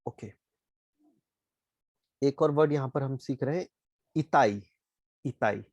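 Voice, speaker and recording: A man with an Indian accent, a Japanese teacher explaining words slowly and asking "ठीक है?" often. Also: mid-range voice, darkish tone, dry recording. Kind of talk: online class explanation.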